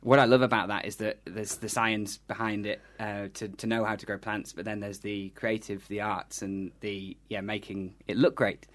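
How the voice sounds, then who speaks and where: A woman's voice: rumbling low, little pitch movement, moderate pace, hardly any pauses. A woman hosting a community radio interview in a loose, chatty and encouraging way. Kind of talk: casual interview chat.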